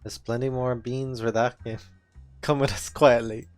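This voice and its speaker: A man's voice: mid-range voice, level tone, measured pace, soft background music. A man streaming a video game, chatting casually, reading dialogue aloud and humming along. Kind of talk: casual gameplay commentary.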